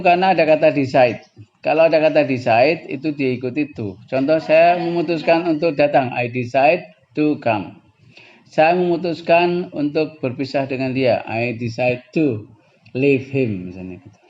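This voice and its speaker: A man's voice: on the high side, lo-fi sound. A man teaching English pronunciation to a class, explaining patiently and chuckling now and then. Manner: explains slowly, often drifting into chuckles, switching between two languages. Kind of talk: classroom lesson.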